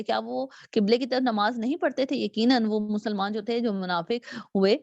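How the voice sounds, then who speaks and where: A woman's voice: on the high side, a little mellow, no echo. A woman giving a religious lecture, explaining step by step and reading scripture translations aloud with hesitant fillers. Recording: dull, dry lo-fi recording.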